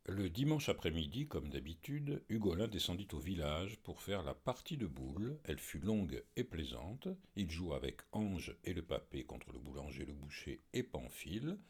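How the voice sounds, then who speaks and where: A man reading a novel aloud as a podcast host, in a measured, steady storytelling way. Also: sits low, breathy edge. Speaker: audiobook reader and podcast host. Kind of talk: scripted narration of a novel.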